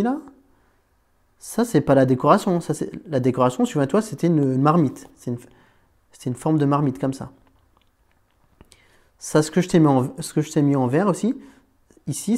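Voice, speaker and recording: A man teaching a beginner to read Arabic letters, patient and informal, often checking understanding and slowly sounding out syllables. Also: fairly high pitch, darkish tone. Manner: patient, informal, talks to one learner as "tu", checks understanding with "d'accord?"; slows down and stretches words to sound them out. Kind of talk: Arabic reading lesson.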